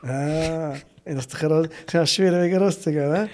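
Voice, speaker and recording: A man's voice: a little high, brisk, a little mellow. A man hosting a casual interview, asking loose questions and mixing English words into his talk. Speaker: host and interviewer.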